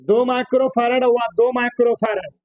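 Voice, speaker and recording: High-voiced teacher quizzing his class. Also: fairly even intonation, moderate pace, no echo, muffled recording. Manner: drills students with repeated questions, scolds lightly. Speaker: physics teacher. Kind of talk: classroom lesson solving problems on a board.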